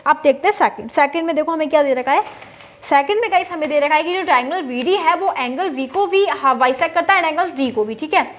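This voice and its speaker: Young female maths tutor, high voice, patient and repetitive, questions and answers herself. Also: expressive, fast talker, a little hiss or hum. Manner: repeats "theek hai" to check in, asks and answers her own questions. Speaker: maths teacher. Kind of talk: step-by-step maths lesson.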